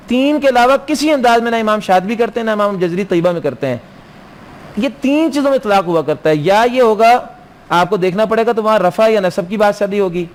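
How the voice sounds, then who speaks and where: A man teaching Quran recitation rules in a classroom lecture, quizzing his students and answering his own questions, and slowly chanting Arabic verse lines. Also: high-pitched.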